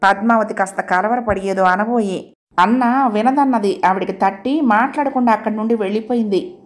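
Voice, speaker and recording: A woman storyteller reading a novel aloud in a steady, even manner. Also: mid-range voice, normal speed. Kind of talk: audiobook narration.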